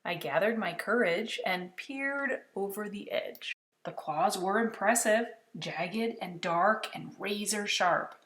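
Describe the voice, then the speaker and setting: Slow expressive storybook reader, woman. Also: mid-range voice, reverberant. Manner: expressive, unhurried. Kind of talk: reading a picture book aloud.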